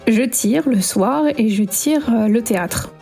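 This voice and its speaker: A woman's voice: on the high side, lively intonation, a little slow, gravelly, warm tone, faint music behind. A young woman telling her own paranormal experience as a spoken testimony, acting out the dialogue with many fillers.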